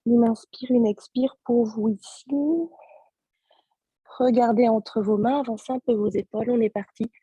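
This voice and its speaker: A husky, mellow-voiced woman leads a yoga class over a video call, her throat a little sore. She speaks softly and calmly, cueing each movement and breath step by step. The sound is close and dry. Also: on the high side, moderate pace, no echo, highs cut off. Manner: soft-spoken, calm step-by-step cues. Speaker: yoga teacher. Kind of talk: guided yoga class instruction.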